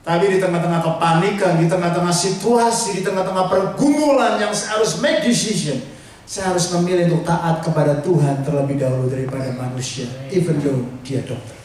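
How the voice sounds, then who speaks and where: High-voiced preacher in an echoing hall. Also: male voice, fairly quick. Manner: animated, humorous storytelling. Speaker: pastor. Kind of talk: sermon with personal story. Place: church hall. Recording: echoey hall from far off.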